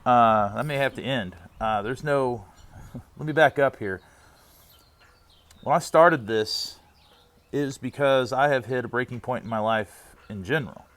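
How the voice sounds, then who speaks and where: An exasperated man delivering a candid, halting, rambling personal monologue as he vents. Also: medium pitch, fairly bright tone. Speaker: vlogger on a long-distance walk. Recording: noisy outdoors with vehicle sounds.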